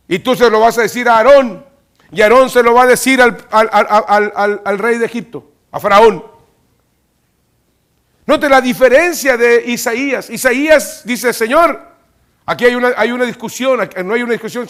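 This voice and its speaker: A pastor preaching a sermon in a church, animatedly acting out Bible dialogue with loud rising peaks. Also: male voice, very high voice.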